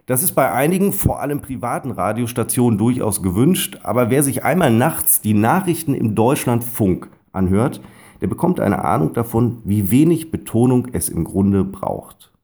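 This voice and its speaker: A man's voice: mid-range voice, very animated, normal speed, mellow. A man in his thirties with a Westphalian accent, reading his own blog text aloud in a wry, self-ironic way and stressing words heavily. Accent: Westphalian German. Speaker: blogger and voice-over speaker.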